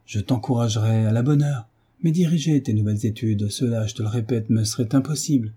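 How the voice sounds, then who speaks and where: A man reading a novel aloud, voicing a gentle mother who pleads tenderly but stays firm with her son. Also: mid-range voice, fairly quick, breathy edge.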